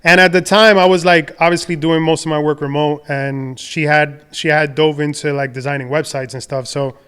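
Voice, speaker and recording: A young man with a smooth, clear voice, fairly high but held in a narrow, even pitch. He talks in a relaxed, rambling way, full of fillers and restarts. He comes from the Dominican Republic. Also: normal speed. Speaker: podcast guest, designer and entrepreneur. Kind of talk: casual conversational storytelling.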